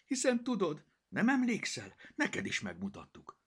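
An earnest nine-year-old girl, as a male narrator puts her on, speaks in a lifted, pleading storybook voice. The tone swings lively up and down with a slightly husky grain. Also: high voice, voice pushed up, heavily acted. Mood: eager.

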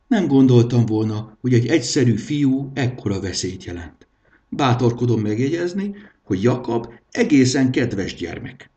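A man's voice: mid-range voice, very animated, warm tone, dull audio, pitched above the performer's own voice, lightly acted. A man voicing a timid, earnest male servant in a storybook reading.

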